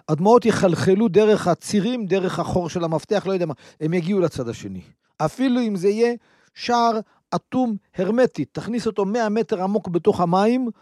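A man preaches to listeners, building a lesson through stories and rhetorical questions. His voice sits fairly high. The recording is dry and close. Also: warm tone, dry recording. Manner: storytelling, rhetorical questions, checks in with "right?". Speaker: rabbi or preacher. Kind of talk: sermon addressed to listeners.

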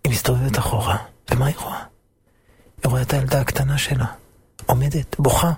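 A male preacher giving a sermon in a lively storytelling manner and acting out the voices of the people in his stories. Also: medium pitch, vocal fry, slightly rough, no room sound.

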